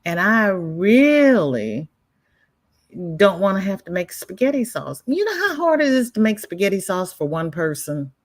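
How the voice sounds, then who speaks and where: A very animated woman with a mid-range voice talks a little slowly while hosting a crochet livestream. She's from the American South, chatty and rambling, reading viewer comments with a congested voice. Her sentences keep stopping and starting over.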